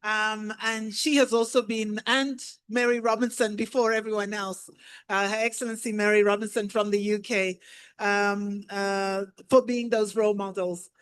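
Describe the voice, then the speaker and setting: A woman's voice: medium pitch, little pitch movement, moderate pace, clear, resonant tone. A woman from Nigeria moderating a panel discussion and putting questions to the speakers.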